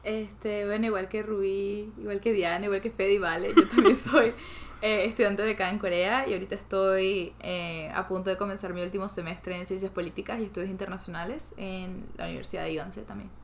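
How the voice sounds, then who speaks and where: A woman's voice: medium pitch, fairly even intonation, fairly quick, hardly any pauses, a little hiss or hum. A young woman from Venezuela talks as a guest. Her voice sits in an ordinary middle range. She speaks steadily and matter-of-factly. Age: young adult. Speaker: guest, student. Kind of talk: casual chat.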